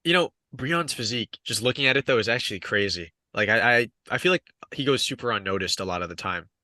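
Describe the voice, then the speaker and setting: A man's voice: mid-range voice, expressive, quick pace, sharp tone, no room sound, clean studio sound. A young man on a podcast, chatting casually and hedging often with filler words. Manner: rambling, hedging with "I mean" and "like". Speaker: podcast guest. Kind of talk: casual chat.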